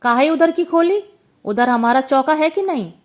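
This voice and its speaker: A woman voicing a quarrelsome older woman neighbour who scolds loudly in rustic dialect. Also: sits high, lively intonation, normal speed, voice pushed up. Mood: taunting.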